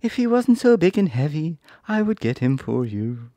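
A man voicing a kind, motherly female stork in a storybook reading, speaking high and drawn out. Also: very animated, normal speed, mellow, no echo. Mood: questioning.

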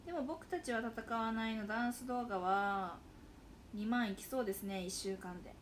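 Young woman, Hakata accent, lively casual stream chat, higher voice, faint hiss behind. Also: normal speed. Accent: Hakata dialect. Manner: chatty, animated, drops into dialect. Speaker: livestream host. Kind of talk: casual livestream chat reading comments.

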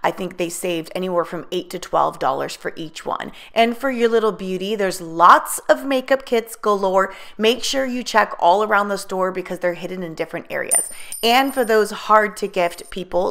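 A woman's voice: mid-range voice, moderate pace, vocal fry, a bit bright. A woman, a mother of six, narrating a shopping vlog voice-over with upbeat enthusiasm about bargains. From United States. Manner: upbeat, enthusiastic deal-hunting. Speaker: vlogger.

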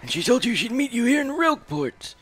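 Man putting on a grumpy, high-pitched old gentleman. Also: sing-song, a little fast, full character voice. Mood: fussy, grumbling. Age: older. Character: fussy, grumbling old gentleman mushroom retainer. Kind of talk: improvised video game character voice.

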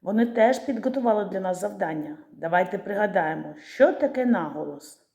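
A woman teacher giving a literacy lesson to young children, pronouncing words slowly and stretching out the syllables. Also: mid-range voice, expressive, creaky, warm tone. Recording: echoey room.

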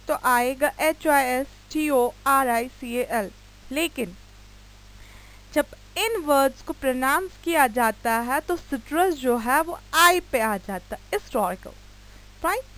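A woman teacher with an Indian accent gives a grammar lesson at an unhurried pace. Her voice sits high, and she takes words apart letter by letter. She checks in with her students now and then with quick questions. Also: fairly bright tone, poor audio. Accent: Indian English. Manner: slow, deliberate explaining, spelling words out and asking checking questions. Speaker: English teacher. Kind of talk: video lecture mixing Hindi and English.

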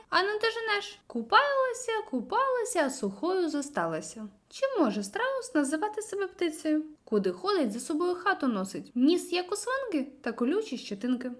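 A woman reading riddles and a lesson from a school textbook aloud in a sing-song way. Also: high-pitched. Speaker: textbook reader.

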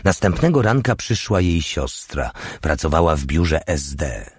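Audiobook narrator, male, low and slow, measured delivery, dry sound. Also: sing-song, slightly rough, no echo. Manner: measured, unhurried reading. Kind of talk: scripted narration.

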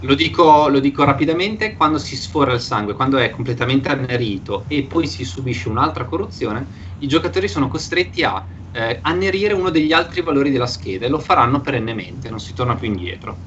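A man's voice: medium pitch, expressive, brisk, hardly any pauses, fairly bright tone. A man narrating a tabletop horror game as game master, explaining scenes and rules with many fillers. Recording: dull lo-fi sound with faint noise.

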